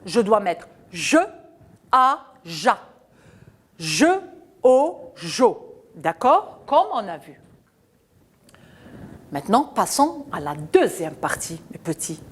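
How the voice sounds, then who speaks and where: A woman teaching a children's phonics lesson, patient and questioning, spelling out letters and sounds slowly. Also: on the low side, very animated, breathy edge.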